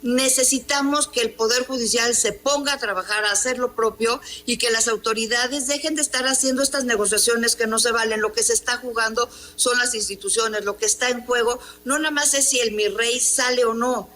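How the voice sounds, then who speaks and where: A woman's voice: on the high side, fairly even intonation, fairly quick, few pauses, bright, forceful tone, a little hiss or hum. A middle-aged woman journalist with a Mexican accent, giving an emphatic, indignant interview and asking rhetorical questions. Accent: Mexican Spanish. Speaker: journalist and columnist. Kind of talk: interview on news program.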